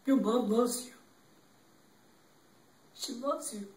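An actor playing a young man who gently consoles his grieving girlfriend, speaking in a halting, tearful, repetitive way. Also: very high-pitched. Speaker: actor in an improv demo reel. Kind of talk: improvised dramatic monologue. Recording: roomy, distant from the mic.

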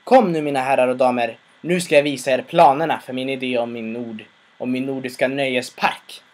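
A man voicing a pompous, bad-tempered older toy factory owner who shouts indignantly. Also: mid-range voice, fairly even intonation, lightly acted. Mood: boastful announcing.

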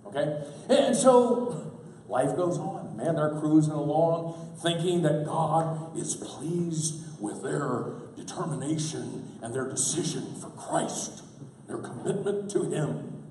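Male preacher, folksy and joking, warm dark tone, distant reverberant camp hall with faint ambience. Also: a little high, lively intonation, slow pace, slight background noise. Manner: folksy, humorous storytelling. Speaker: pastor. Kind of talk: sermon. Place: large hall at a church camp. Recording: echoey hall from far off.

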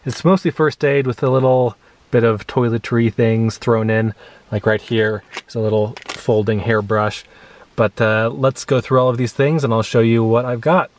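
A man in his thirties speaks in an ordinary mid-range voice, laid-back and conversational. He walks through his gear with plenty of "uh" fillers, sounding unhurried. He is recorded outdoors in an open grassy spot near trees. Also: mid-range voice, a little hiss or hum. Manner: relaxed, chatty, lots of uh fillers. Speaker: vlogger. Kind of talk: casual show-and-tell.

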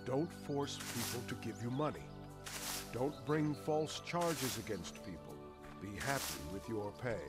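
A man narrating scripture as a solemn storyteller in a video game, measured and formal. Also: medium pitch, expressive, natural voice. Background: game music.

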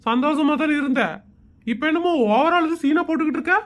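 High-voiced, sarcastic man. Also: a little fast, fairly bright tone. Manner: sarcastic, grumbling. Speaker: comedy sketch performer. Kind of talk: comedic grumbling asides.

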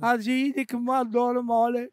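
A man's voice: extremely high pitch, level tone, darkish tone, smooth, no echo. An older man with an Afghan Dari accent, a veteran singer, reminiscing emotionally and a little rambling as a guest on a TV chat show. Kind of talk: casual TV chat. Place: TV studio.

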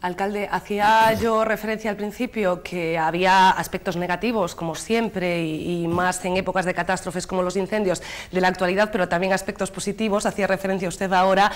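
A woman interviewing a mayor on local TV, asking measured questions and prompting him with short affirmations. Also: medium pitch, flat delivery.

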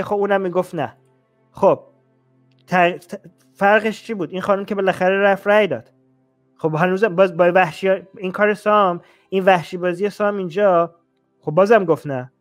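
High-voiced argumentative male host. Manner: argumentative, rhetorical questions. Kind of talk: live stream chat with callers.

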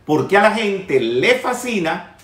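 A man's voice: high-pitched, sing-song, unhurried, a bit bright, roomy sound, slight background noise. A man teaching a spiritual lecture in a trained, projected voice, scolding and teasing his listeners with humorous asides. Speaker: metaphysics teacher.

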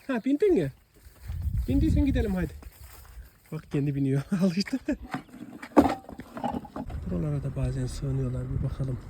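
Casual outdoor vlogger, male, high and very animated voice; coaxes animals with sing-song repeated calls, asides to camera. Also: moderate pace, long pauses, very noisy. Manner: calls animals with long repeated coaxing cries; talks affectionately to animals, asides to viewers.

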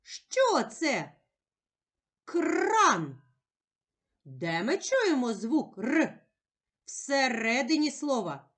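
A woman teacher giving a slow, clear reading lesson to young children, stretching out the sounds in a sing-song way. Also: high-pitched, sing-song. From Ukraine.

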